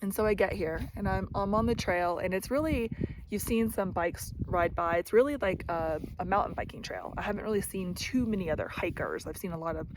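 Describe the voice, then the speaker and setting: A woman's voice: medium pitch, lively intonation, fairly quick. A woman telling a faith story in a casual vlog while hiking outdoors on a trail, with plenty of fillers like "like" and "you know.". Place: outdoors on a mountain biking trail. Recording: noisy outdoor recording with clicks.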